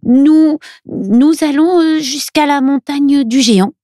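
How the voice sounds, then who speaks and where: A woman's voice: high voice, slow pace, mellow, dry recording, clean studio sound, pitched above the performer's own voice. A woman voicing Milo, a shy little male Christmas elf who speaks hesitantly, in a storybook reading. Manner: hesitant, stammering.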